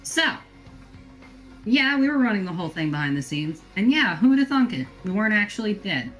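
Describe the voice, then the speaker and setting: A woman voicing a blunt, weary young female soldier who speaks flatly and dismissively in an online role-play. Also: mid-range voice, fairly quick, soft background music, pitched above the performer's own voice.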